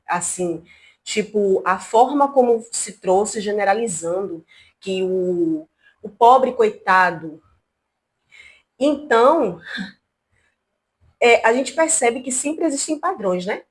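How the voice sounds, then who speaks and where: A woman's voice: mid-range voice, lively intonation, slow. Indignant, chatty woman vlogger. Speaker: channel host. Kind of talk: casual commentary vlog. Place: at home, not a studio.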